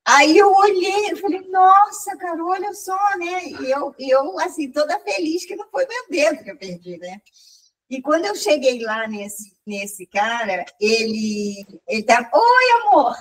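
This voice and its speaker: A woman with a high voice tells a personal story in a relaxed, chatty way. She acts out what the people in it said as she goes. Her voice sounds a little distant from the microphone. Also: measured pace. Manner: animated storytelling, acting out quoted lines. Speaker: group member sharing a story. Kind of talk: casual spoken testimony.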